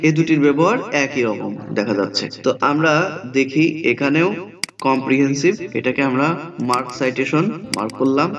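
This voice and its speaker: A man teaching a computer lesson, calmly narrating each click step by step. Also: mid-range voice. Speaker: software tutorial instructor. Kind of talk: screen-recorded software lesson. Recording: dull lo-fi mic from a distance.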